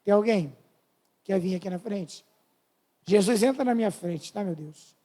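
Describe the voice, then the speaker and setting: A man's voice: high voice, normal speed, dark tone. A man in his fifties with a Brazilian Portuguese accent, preaching a fervent testimony to a congregation. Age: 50s. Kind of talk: sermon testimony.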